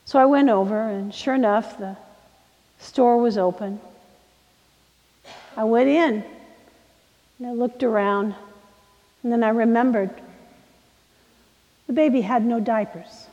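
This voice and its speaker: A woman preacher tells a sermon story in a slow, dramatic way, dropping to a hush and then pressing hard on key words. Her voice sits fairly high, and a long reverb hangs after each phrase. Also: highs cut off. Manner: dramatic, shifts from hushed to emphatic.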